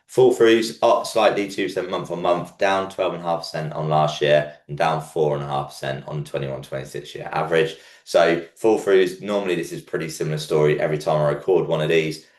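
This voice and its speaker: A very deep-voiced man presents a market update like a commentator walking through figures. His voice is croaky and hoarse, as if a frog sits in his throat from feeling under the weather. The room around him is noticeably echoey. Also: steady tone, a little fast, few pauses. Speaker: host of a property market update show.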